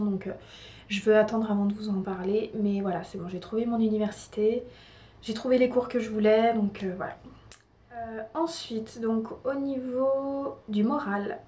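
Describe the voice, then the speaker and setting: A woman's voice: medium pitch, warm tone. Chatty young French woman vlogging. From France. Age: young adult. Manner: chatty, lots of hesitations and restarts. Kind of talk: casual monthly update to camera.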